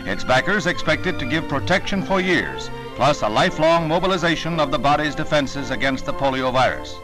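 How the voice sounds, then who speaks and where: A man's voice: a little high, animated, rough recording. Wry man narrating an old newsreel. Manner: brisk, wry newsreel delivery. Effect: old newsreel soundtrack. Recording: old newsreel with loud music bed.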